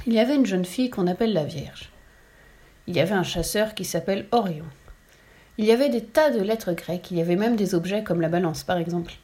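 A woman telling a children's tale aloud. Her reading is lively and expressive, lingering over the storybook's lists. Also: medium pitch, fairly quick.

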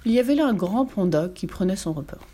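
Woman reading a kids' story out loud, lively and expressive, mid pitch. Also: fast talker. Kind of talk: children's storybook read-aloud.

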